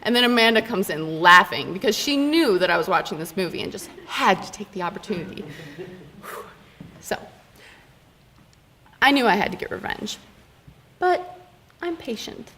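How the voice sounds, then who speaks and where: A young woman telling a funny personal story on stage at a live storytelling event, animated and laughing often. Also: medium pitch, slight background noise. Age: young adult. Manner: animated, laughing, dramatic pauses. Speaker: student storyteller.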